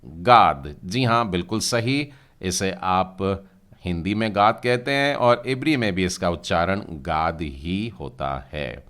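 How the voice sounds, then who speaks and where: A man's voice: sits low, animated, slow, a bit bright. A man teaching a language class, patiently spelling out letters and sounds one by one and asking his learners to read along. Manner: addresses learners directly, asks them to read. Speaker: Hebrew teacher. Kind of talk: language lesson.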